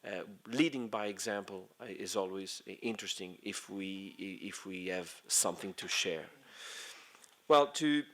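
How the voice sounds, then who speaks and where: A middle-aged man with a Portuguese accent delivers a conference speech in English. His voice sits somewhat low. He halts often, hunting for words between fillers and restarts. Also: fairly bright tone. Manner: halting, many fillers and restarts. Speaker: conference speaker.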